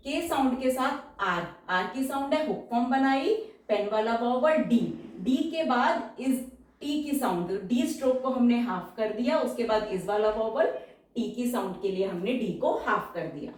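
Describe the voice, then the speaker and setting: A woman guides viewers through a shorthand lesson at an unhurried, deliberate pace, spelling out every stroke and repeating each example word. Her voice sits a little high. She sounds set back from the mic in a strongly echoing room. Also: animated, distant mic. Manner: patient, explains each stroke and repeats words. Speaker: shorthand teacher. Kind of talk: slow step-by-step tutorial.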